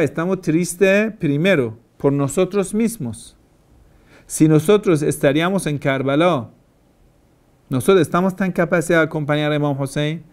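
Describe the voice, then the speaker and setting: A man's voice: fairly high pitch, darkish tone. A male cleric gives a religious lecture, stressing his points with repeated phrases and rhetorical questions. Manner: asks many rhetorical questions. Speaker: Shia cleric.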